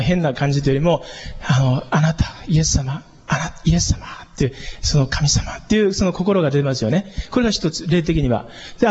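A man, a church pastor, giving a casual spoken lesson on singing and microphones, chatty with many fillers and lively leaps in pitch. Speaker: church pastor teaching singers. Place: church hall. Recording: dull lo-fi sound with long reverb.

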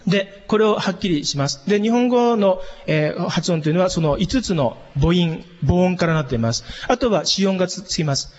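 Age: unknown. Sex: man. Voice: high. Role: vocal coach for church worship singing. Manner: patient, step by step. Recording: dull, long hall reverb. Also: animated, a little fast, few pauses, a little mellow. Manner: patient, explains step by step and sings vowel demonstrations. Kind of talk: voice and diction lesson.

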